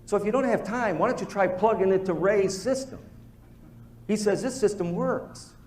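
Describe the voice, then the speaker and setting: A high-voiced man delivers a motivational business talk to a live group at normal speed, bringing stories to life and acting out the quoted dialogue. The room echoes, and a little hiss or hum can be heard.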